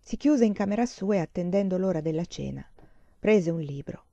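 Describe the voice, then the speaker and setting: A woman reading a novel aloud in a calm, measured way. Her voice is dark and mellow, recorded dry and slightly dull. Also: lowish voice, vocal fry, dry recording. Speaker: audiobook reader.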